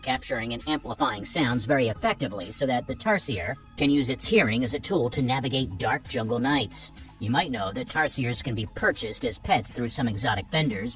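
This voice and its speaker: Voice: medium pitch, fairly bright tone, distant mic. A narrator reading a scripted nature documentary countdown, chatty and speaking straight to viewers with playful asides. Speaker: narrator of a wildlife list video. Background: background music.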